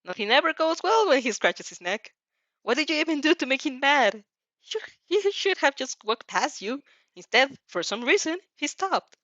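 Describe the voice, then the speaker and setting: A woman with a high-sitting voice and big pitch swings reads second-person fan fiction with theatrical emotion and reactions. She keeps a moderate pace and a fairly bright tone, though the audio is dull and free of room sound.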